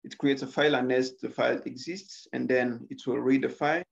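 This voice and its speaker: Over a video call, a young Rwandan man presents a student coding project as a screen-share software demo. His mid-range voice is steady, a little fast, with vocal fry, and he hesitates with plenty of filler sounds. The lo-fi audio is slightly dull.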